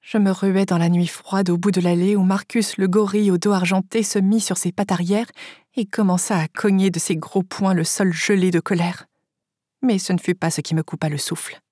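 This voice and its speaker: Brief: woman narrator, husky voice, dry close sound, steady first-person audiobook reading. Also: medium pitch, moderate pace, dry recording.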